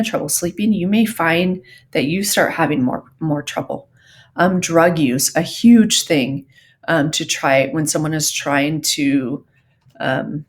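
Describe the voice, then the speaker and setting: A woman from Southern California giving recorded psychology lecture notes in a conversational way, with frequent ums and the odd y'all. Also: low-pitched. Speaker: psychology teacher.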